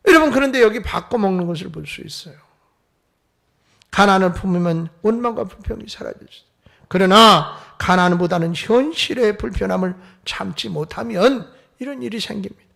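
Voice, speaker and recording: A man, a senior pastor, preaching a Sunday sermon at a church service. He swings from emphatic raised calls to hushed whispers and puts rhetorical questions to his congregation. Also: sits high, moderate pace, vocal fry.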